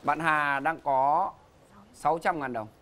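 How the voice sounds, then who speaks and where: A man's voice: fairly high pitch, fairly even intonation, slow pace, heavy background noise. A middle-aged man hosting a game show, with joking, teasing banter and theatrical emphasis. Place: TV studio stage.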